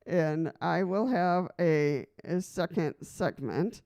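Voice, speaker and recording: Taking her time, a middle-aged vlogger from Costa Rica talks to camera in a low, darkish voice. She's chatty and rambling, dropping in many fillers and laughing frequently.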